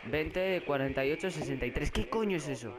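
A man's voice: on the high side, expressive, a little fast, a crowd in the background. Scared young Spanish man gaming. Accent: Spanish from Spain. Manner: jumpy and scared, swearing, shouting in fright. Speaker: gaming YouTuber. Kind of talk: horror game let's play commentary. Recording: faint background noise.

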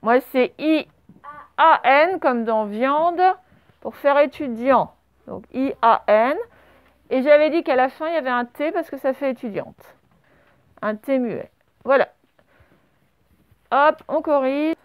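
A woman with a high voice leads a dictation lesson for young pupils. She says each word slowly and clearly, then spells it out syllable by syllable. The recording sounds slightly dull and lo-fi. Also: no echo. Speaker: primary school teacher.

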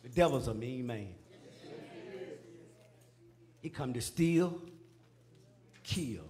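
A man speaking in a church sanctuary, exhorting the congregation in a folksy, call-and-response manner that rises toward shouting. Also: medium pitch, animated, drawn-out words. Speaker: preacher.

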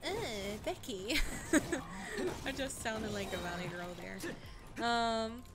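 A woman's voice: a little high, takes it slowly, loud music behind the voice. A young woman streaming a game, chatting casually with lots of fillers and blunt swearing. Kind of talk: casual chat while gaming. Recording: noisy home stream mic.

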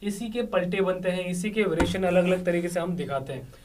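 A man's voice: high-pitched, brisk, noisy background. A male tabla teacher who explains a rhythm patiently, step by step, and often checks with the listener. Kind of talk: spoken music lesson with counting and drum syllables. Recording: tabla playing loud behind the voice, voice sometimes far from the mic.

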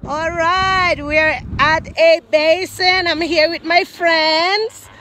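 Jamaican woman vlogging outside on a ski lift, slow excited talk, phone at arm's length, bit of wind noise. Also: very high-pitched. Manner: excited, laughing often, talking to camera. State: out of breath. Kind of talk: casual travel vlog. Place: outdoors on a ski chairlift in the mountains.

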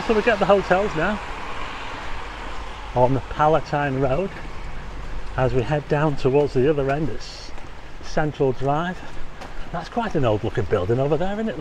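Walking a rainy street, a vlogger gives casual, chatty commentary, quizzing his viewers and adding wry asides. He speaks in a slightly high voice over some background noise.

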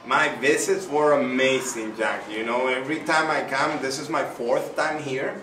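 A man's voice: medium pitch, fairly even intonation, moderate pace. Effusive middle-aged man. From Venezuela. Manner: effusive, chatty, many fillers. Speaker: artist interviewed by a child. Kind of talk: casual interview. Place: small indoor room. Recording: echoey room, distant mic, noisy.

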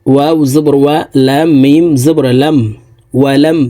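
A man teaches Quran recitation, spelling each letter and vowel mark aloud before reciting in long, melodic stretches. His voice sits a little high for a man yet sounds mellow and warm. The recording is dry and close, with no room sound. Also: little pitch movement, unhurried, dry recording.

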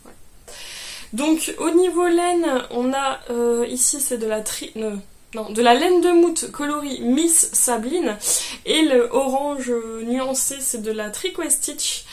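A woman's voice: high-pitched, takes it slowly, a little mellow. A young woman chatting about her knitting projects, hesitant and full of fillers, cheerful and laughing often. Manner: hesitant, many fillers and restarts. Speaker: knitting vlogger. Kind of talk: casual show-and-tell chat.

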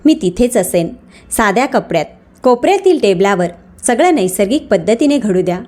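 Woman reading as a calm, firm older mother. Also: medium pitch, moderate pace, close to an everyday voice. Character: calm dignified older mother, wealthy but humble.

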